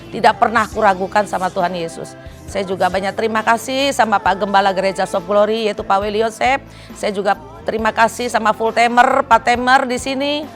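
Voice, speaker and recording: A middle-aged woman with an Indonesian accent, giving an emotional personal testimony in church. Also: fairly high pitch. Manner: emotional, heartfelt storytelling, pleading in recalled prayer.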